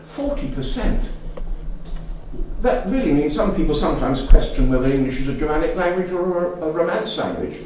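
An older man talks to a local society in a loose, rambling way, full of fillers and restarts. His voice sits a little high and moves a lot in pitch. It is recorded from a distance in a very echoey room, with faint room noise behind him. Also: very animated, fast, few pauses, a little mellow. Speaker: speaker giving a talk to a local society. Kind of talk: informal lecture. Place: meeting room with an audience.

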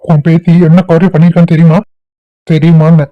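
A man's voice: fairly high pitch, monotone, fairly quick, no echo, lightly acted. A man voicing a hot-tempered, vengeful jilted man in an amateur cartoon, threatening angrily. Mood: furious. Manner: angry, threatening. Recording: tinny phone-like audio.

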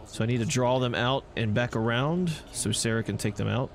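A man with a mid-range voice talks fairly quickly, with some vocal fry and a faint hiss or hum on the track. He's hosting a casual let's play, chatting away and tossing joking asides at the game's characters. Game music and action sounds play behind him.

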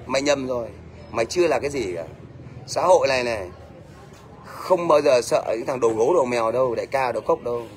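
A faint hum of background noise sits under this mid-range, fairly quick male voice. The speaker, a middle-aged man with a Northern Vietnamese accent, rants at a livestream commenter in a blunt, scolding tone, often asking "thấy chưa?"

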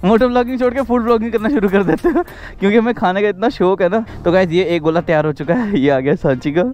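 A man's voice: high voice, fast, a little mellow, lo-fi sound, soft background music. A man vlogging casually outdoors in a park, teasing and laughing often. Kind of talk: casual vlog chat. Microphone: action camera.

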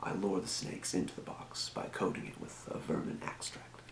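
This ASMR role play features a man as a helpful fantasy potion shopkeeper of the old-world sort, calm and quietly businesslike, muttering to himself in an unhurried, breathy murmur. Recorded at a desk in a small room, it sounds roomy with slight background noise, and his voice stays close to everyday speech.

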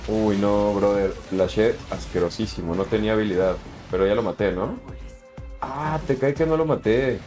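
A man's voice: lowish voice, normal speed, a little mellow, soft background music. A young man with a Mexican accent, casually commenting on his game live and answering chat in slangy, chatty talk. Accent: Mexican Spanish. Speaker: streamer.

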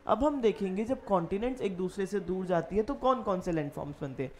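A woman teaching an online lecture at a middle pitch. She explains step by step and puts questions to the class before she answers them. A faint hiss of noise sits under her voice. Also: lively intonation, fast. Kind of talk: online lecture walking through slides.

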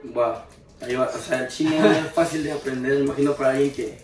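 A man's voice: medium pitch, fairly even intonation, brisk, faint music behind. Curious man hosting, echoey room. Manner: curious, chatty, asks follow-up questions. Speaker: interviewer host. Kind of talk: casual interview chat. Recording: roomy, distant mic with faint noise.

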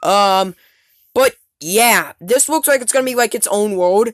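A woman's voice: medium pitch, measured pace, no echo, studio quality. Rambling woman musing over game theories. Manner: rambling, filler-heavy, excitable, trails off. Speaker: gaming channel host. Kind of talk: casual theory talk over gameplay. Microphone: phone screen recording.

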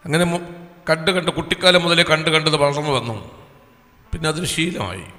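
Bright-voiced man testifying in a hall. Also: a little high, lively intonation, faint music behind. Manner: earnest storytelling with long pauses. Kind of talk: personal testimony at a church service. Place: small church hall. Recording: echoey hall reverb.

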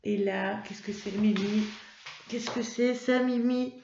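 A woman teaching a first-grade reading lesson, patient and encouraging, spelling out letters slowly for young pupils. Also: mid-range voice, steady tone, dark tone, slight background noise. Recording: roomy, slightly dull home recording.

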